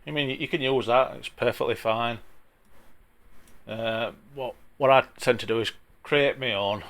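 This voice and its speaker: A man with a broad Yorkshire accent talking through an informal software tutorial in a plain-spoken, chatty way, with a gravelly voice. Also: medium pitch, measured pace. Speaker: tutorial presenter.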